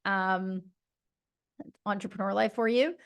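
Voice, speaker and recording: A woman's voice: mid-range voice, steady tone, takes it slowly, vocal fry, clear, resonant tone. A woman from Toronto, a personal trainer talking in a casual, rambling monologue full of fillers. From Toronto, Canada. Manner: chatty and rambling, with many fillers.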